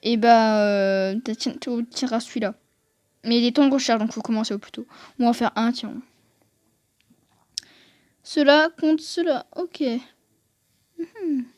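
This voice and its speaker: A woman with a high-pitched voice chatting through her gameplay, joking and poking fun at herself. She talks close to a desk microphone, and the sound is dry, with no room echo. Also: unhurried, pauses often, darkish tone. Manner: joking, chatty, self-mocking. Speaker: gaming video host. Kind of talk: casual gameplay commentary.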